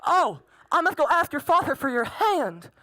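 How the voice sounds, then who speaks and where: A woman playing a timid, lovesick young gentleman tutor in an amateur period drama, earnest and hesitant with a nervous stammer. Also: sits high, very animated, moderate pace, rough recording. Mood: grateful.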